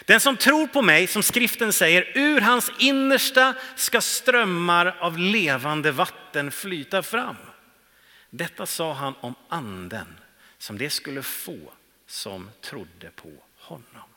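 Lively bright-voiced preacher in a reverberant hall. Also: male voice, sits high. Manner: animated preaching, rhetorical questions, soft dips and swells. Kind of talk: sermon.

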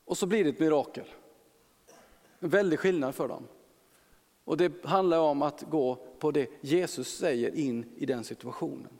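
An earnest male preacher works through a Bible passage, piling up repeated phrases and everyday fillers. His fairly high, creaky, slightly mellow voice rings out with a long reverb tail, as though he's speaking in a church hall.

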